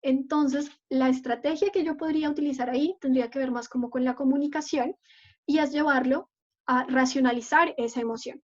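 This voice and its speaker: Woman psychologist on a video call, high voice, patient explainer, muffled call audio. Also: fairly even intonation, a little fast, darkish tone. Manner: patient and explanatory, often checks in with listeners. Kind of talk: live online talk answering chat questions.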